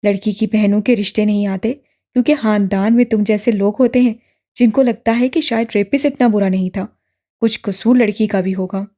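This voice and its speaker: A woman's voice: mid-range voice, fairly even intonation, brisk, lightly acted. Woman doing a stern young man, lecturing. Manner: firm, forceful, lecturing. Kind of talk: audiobook narration.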